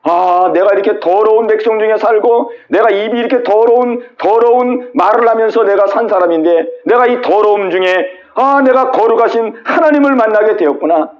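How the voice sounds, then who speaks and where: A man's voice: high-pitched, moderate pace, hardly any pauses, dull audio. A male pastor preaching a Wednesday sermon at a small church, retelling scripture with dramatic quoted voices and asking the congregation questions.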